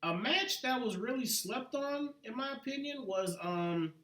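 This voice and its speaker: A man co-hosting a casual podcast chat, talking in a rambling, animated way full of asides. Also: extremely high pitch, unhurried. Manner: rambling, animated, full of "you know what". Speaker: podcast co-host. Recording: echoey room, far from mic.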